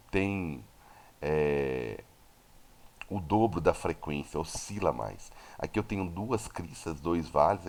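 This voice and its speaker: A Brazilian man with a very low voice teaches a physics lesson. He goes through each point step by step and stops often to check that his students are following. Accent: Brazilian Portuguese. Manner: explanatory, many tag questions. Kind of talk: recorded classroom lesson.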